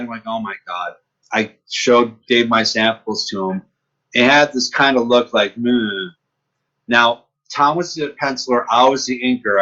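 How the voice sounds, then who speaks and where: A man's voice: medium pitch, lo-fi sound. A man in his fifties from upstate New York, a podcast guest telling stories in casual chat and acting out the voices in the exchanges he recalls. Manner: lively storyteller who acts out quoted exchanges. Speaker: podcast guest, comic book artist.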